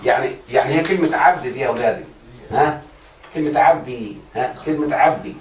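Speaking quickly at a medium pitch, a man with an Egyptian Arabic accent teaches religious grammar and constantly quizzes the class on whether they follow. Faint noise and room echo are present, and the mic is set far from him.

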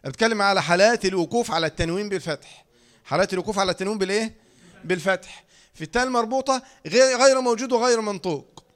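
Egyptian guy teaching fast, keeps asking the class to finish his sentences. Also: sits high, fairly bright tone. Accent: Egyptian Arabic. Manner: repeats key phrases and quizzes listeners with "إيه؟". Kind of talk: online lecture on Quran reading rules.

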